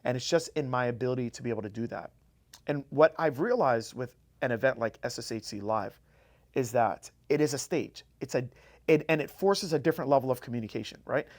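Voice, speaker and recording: A man hosts his own motivational podcast, speaking alone in a room. He talks with energy and emphasis, drives points home by repeating phrases, and keeps an even, mid-range pitch. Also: fairly quick. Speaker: podcast host. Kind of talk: solo motivational podcast talk.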